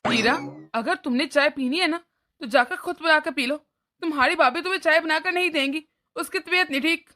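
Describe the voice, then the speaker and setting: Woman voicing a cartoon man who is cranky and preachy, pitched high and bright. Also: brisk. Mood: lecturing. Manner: annoyed, lecturing. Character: irritable elder brother, adult man, short-tempered.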